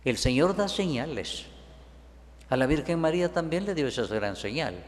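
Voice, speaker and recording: A man preaching a sermon as a priest, whose voice rises higher and stronger when he quotes biblical figures. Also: animated, normal speed. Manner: preaches with rising pitch and force when quoting biblical figures. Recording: long reverb in a large hall.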